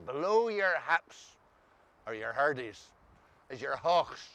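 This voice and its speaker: A man's voice: mid-range voice, very animated, slow pace, a bit bright. A man with an Ulster Scots accent from Northern Ireland, chatting as a co-host and explaining dialect words in a wry, anecdotal way.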